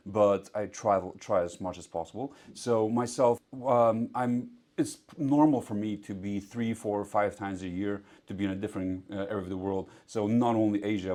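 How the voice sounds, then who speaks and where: A young man from Poland who was raised in Singapore, a physician at a clinic in Warsaw, gives earnest interview answers, explaining things with some fillers. His voice has a fairly low pitch and a darkish tone.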